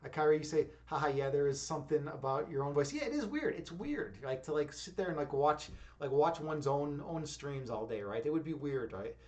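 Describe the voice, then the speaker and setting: A young man hosting a relaxed live stream, reading chat aloud and rambling with lots of fillers and easy chuckles. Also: a little high, fairly quick, few pauses. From Chicago. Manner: rambling, many "like" and "you know" fillers, chuckling. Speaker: streamer host.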